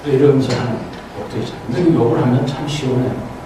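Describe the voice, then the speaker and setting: A man's voice: medium pitch, quick pace. A middle-aged man giving a humorous guest lecture full of anecdotes, playfully teasing the audience. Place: auditorium. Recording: echoey hall from far off, noisy.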